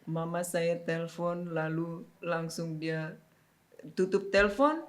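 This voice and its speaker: Lively nun telling a story. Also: female voice, on the low side, slow pace. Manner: animated, laughs often, acts out quoted people. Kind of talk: casual storytelling in an interview.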